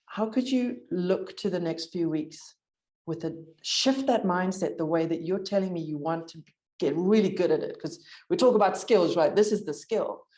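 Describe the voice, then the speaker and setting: A woman with a low, mellow voice coaches a client in an encouraging, direct way. Her delivery is measured and unhurried, and a slight tremble from the cold runs through it. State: voice shaking from cold. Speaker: recovery coach. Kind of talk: coaching call.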